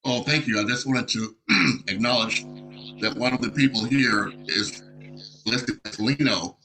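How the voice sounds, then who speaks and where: A man's voice: mid-range voice, unhurried, pushed and bright, rough recording. A man taking part in a meeting, making a polite, orderly interjection. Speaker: meeting participant.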